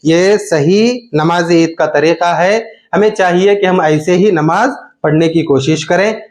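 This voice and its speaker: A man, patiently explaining step by step how to perform a prayer. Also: sits high. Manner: slow, patient explaining with drawn-out takbirs. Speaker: religious teacher.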